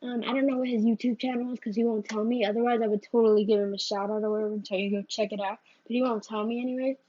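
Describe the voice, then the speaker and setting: Speaking in rapid-fire bursts, the woman has a voice on the high side with a steady, dark tone. She's a vlogger rambling through a rant to the camera, peppered with "right?" and "you know?", captured on a slightly muffled phone.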